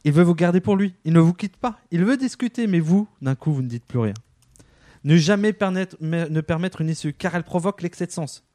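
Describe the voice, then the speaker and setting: A man under fifty giving a comic spoken column, acting out quick bits of dialogue in a lively way. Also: a little high, no room sound, studio quality. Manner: lively, acts out quick dialogue in different voices.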